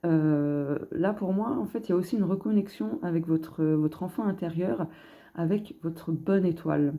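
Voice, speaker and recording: A woman doing a casual card reading, thinking aloud in a chatty, upbeat way. Her voice sits a little low and sounds very dark and mellow. She hesitates often and fills the gaps with filler sounds. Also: moderate pace. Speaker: card reader giving a collective astrology guidance.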